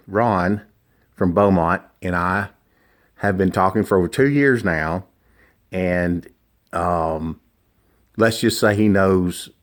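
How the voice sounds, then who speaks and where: Slow-talking man with a lowish voice. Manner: deliberate, emphatic, opinionated. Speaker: duck call maker. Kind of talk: informal product explanation and demonstration.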